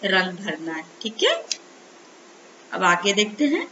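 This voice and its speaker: Woman teacher sounding out letters slowly. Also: mid-range voice, very animated, fairly bright tone. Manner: slow, sing-song sounding out of letters to children. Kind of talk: primary school Hindi lesson. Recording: echoey room, dull lo-fi sound, faint hiss.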